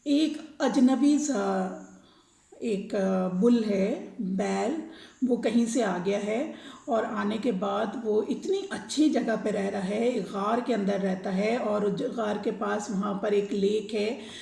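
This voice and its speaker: Woman doing a sly flattering fox. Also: medium pitch, vocal fry. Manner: wheedling, flattering. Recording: echoey room.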